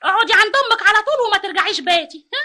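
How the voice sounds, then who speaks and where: A woman's voice: very high-pitched, lively intonation, racing, sharp tone, exaggerated voice. An actress playing a protective, indignant mother with an Egyptian accent, scolding in radio drama acting. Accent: Egyptian Arabic.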